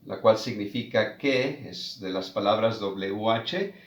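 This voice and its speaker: Slow-spoken man teaching in an echoey room. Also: on the low side. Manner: repeats example sentences slowly and deliberately. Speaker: English teacher. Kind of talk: slow classroom explanation.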